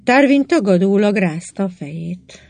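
A woman narrating an audiobook in scripted, even, quiet tones. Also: mid-range voice, dry recording.

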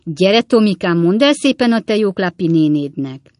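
Casting: a woman doing a busybody gossip, high-pitched, loud, wheedling, storybook reading. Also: animated, no room sound. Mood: coaxing. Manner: coaxing, exclaiming, high and loud. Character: nosy, fussy little gossiping woman.

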